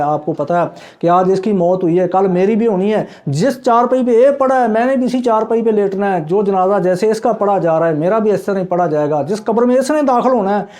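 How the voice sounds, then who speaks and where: A man with a notably high speaking voice delivers a sermon. He exhorts his listeners earnestly, repeating his points and calling them brother. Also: darkish tone. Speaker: preacher.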